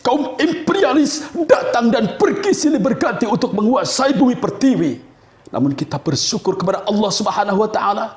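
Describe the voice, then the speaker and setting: A man giving a patriotic speech in a dramatic declaiming style, swelling to high peaks and dropping low. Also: echoey room. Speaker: orator.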